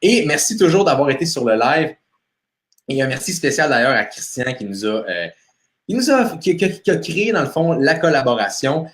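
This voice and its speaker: A man's voice: a little high, big pitch swings, normal speed, echoey room. A man with a Québécois accent hosting a live stream interview, casual and full of fillers. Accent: Québécois French. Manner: casual, many fillers and restarts. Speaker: host.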